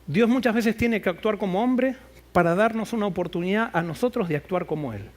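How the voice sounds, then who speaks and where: A man's voice: high-pitched, animated, brisk. A man preaching a sermon as pastor, firing off rhetorical questions and acting out the voices he quotes. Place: church.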